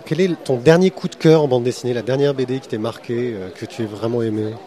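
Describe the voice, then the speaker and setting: A man's voice: mid-range voice, fast, mellow. A man hosting a podcast, interviewing a comic artist at a festival and then chatting about his day there with many fillers.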